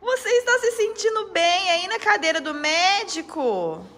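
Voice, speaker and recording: Woman, kids' channel host, high lively sing-song voice, playful make-believe. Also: unhurried, slight background noise. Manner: sing-song, doting, exaggerated. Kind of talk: pretend play with a child.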